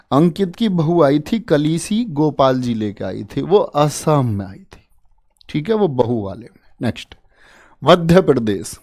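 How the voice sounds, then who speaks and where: A man with a high, darkish-toned voice runs a playful, informal exam-prep lesson. He coaxes students with jokey memory tricks, staying chatty and addressing them as "bhai."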